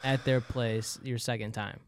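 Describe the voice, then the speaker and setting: A man's voice: mid-range voice, level tone, measured pace, clear, resonant tone. A man in his twenties co-hosting a casual podcast interview, setting up questions in a light, teasing way. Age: 20s. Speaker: podcast co-host.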